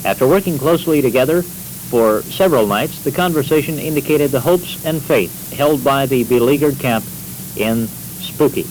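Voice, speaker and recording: Male military reporter, formal scripted delivery, medium pitch, light vintage tape hiss. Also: moderate pace. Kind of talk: scripted narration for an audio feature. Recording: faintly hissy 1960s field report tape.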